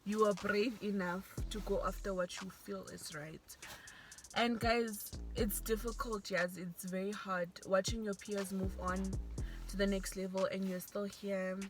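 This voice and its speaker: A woman's voice: medium pitch, steady tone, a little slow, faint music behind. A young woman, chatting earnestly and encouragingly with a friend over food. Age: young adult. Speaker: co-host friend. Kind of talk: casual venting chat while eating.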